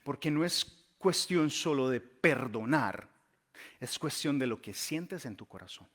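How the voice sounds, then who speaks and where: Animated yet unhurried, a male pastor delivers a sermon in storytelling fashion at a typical middle pitch. He draws out important words to stress them and lets his phrases trail off softly.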